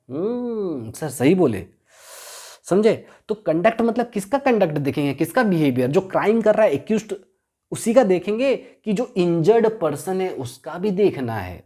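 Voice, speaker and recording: A man's voice: sits high, a little mellow. A male law lecturer talks in a drilling classroom style, throwing out a question and then answering it himself. He circles back on the same key terms again and again so they stick. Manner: constantly quizzes the listener and answers himself.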